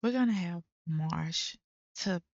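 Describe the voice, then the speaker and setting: A woman's voice: on the low side, slow pace, vocal fry, darkish tone, no room sound, muffled recording. A young woman giving casual, chatty gameplay commentary to her viewers, with frequent exclamations. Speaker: let's play creator.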